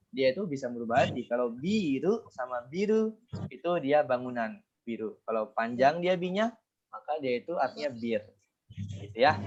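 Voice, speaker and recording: A man's voice: a little high, highs cut off. A man teaching a Japanese class online, explaining step by step and often correcting himself.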